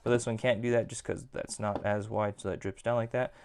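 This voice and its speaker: A man's voice: on the low side, steady tone, brisk, gravelly, darkish tone. A man giving a casual, rambling toy review at home, leaning on filler words like "again" and "like". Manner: chatty, rambling, repeats "again" and "like".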